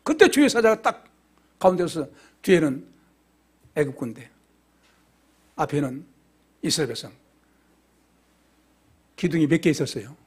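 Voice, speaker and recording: A middle-aged man preaching with a fairly high, husky voice that rises and falls widely. He poses questions and answers them himself, going from loud exclamations down to near-whispers. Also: expressive, normal speed, long pauses. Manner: swings between loud exclamations and quiet drops. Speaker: pastor. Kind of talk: expository sermon.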